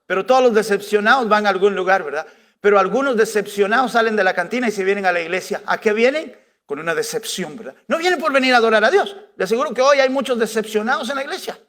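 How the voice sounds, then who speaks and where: A man's voice: high-pitched, a bit bright. A male pastor preaching a conversational sermon, full of rhetorical questions. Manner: rhetorical questions with frequent "¿verdad?".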